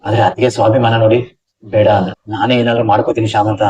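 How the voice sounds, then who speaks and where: A young actor playing an earnest, emotional younger relative who makes heartfelt speeches in a TV serial. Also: male voice, lowish voice, level tone, racing, darkish tone, natural voice. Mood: explaining. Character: earnest young brother-in-law, emotional, preachy. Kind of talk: TV serial acting. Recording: dull lo-fi TV audio.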